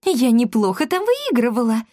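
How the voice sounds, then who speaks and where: Storybook wife, coy and guilty, chattering in a high bright voice, a woman voicing her. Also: expressive, moderate pace, no room sound, studio quality. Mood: sheepish. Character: sheepish gambling-addicted merchant's wife.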